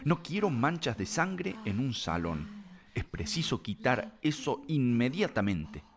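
A man voicing a fussy, shocked wealthy American lady, with a shrill and indignant manner, over background music. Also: sing-song, unhurried, crowd noise. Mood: appalled. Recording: music playing underneath.

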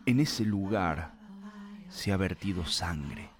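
A man voicing an old, mysterious housekeeper in a slow, hushed, mysterious manner, over background music. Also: sits low, animated, crowd noise. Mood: ominous. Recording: music playing underneath.

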